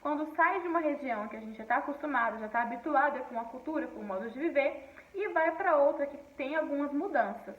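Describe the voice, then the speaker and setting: Her high-pitched voice moves fairly quickly with lively intonation as this Paraíba-born teacher, speaking with a Brasília accent, walks her class through a textbook lesson and keeps asking "tá bom?". The sound is narrow, tinny, and roomy, recorded far from the mic.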